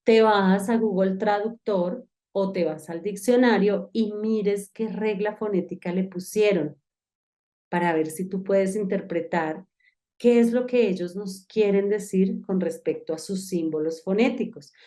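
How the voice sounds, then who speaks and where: Woman, teacher, patient step-by-step explaining, mellow tone. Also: mid-range voice, unhurried. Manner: patient, talks to one learner, spells out each step. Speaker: English teacher. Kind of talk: online class with a whiteboard.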